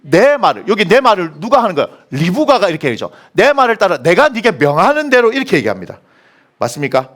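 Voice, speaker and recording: In a church sanctuary, a male pastor preaches a sermon with animated energy, asking the congregation questions and answering them himself. His voice is high-pitched and he talks fast.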